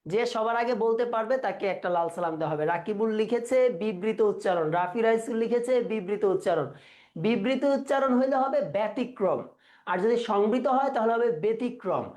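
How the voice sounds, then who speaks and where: Teacher drilling pronunciation aloud. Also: male voice, sits high, a little mellow. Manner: quizzes students, repeats words slowly to drill pronunciation. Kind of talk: live online exam-prep class.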